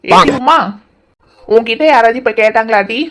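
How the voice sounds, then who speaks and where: A brash, cheeky young village woman in a cartoon comedy, voiced by a woman. She talks a little high, bossy and teasing, quick to threaten anyone who crosses her. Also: fairly bright tone, natural voice. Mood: defensive.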